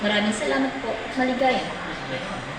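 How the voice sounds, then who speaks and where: A woman making formal boarding announcements over a PA loudspeaker in a ferry terminal, speaking in a measured way and repeating each notice. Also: medium pitch, big pitch swings, very noisy. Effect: heard over a PA loudspeaker. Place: ferry port terminal waiting area. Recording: echoey PA in a crowded terminal.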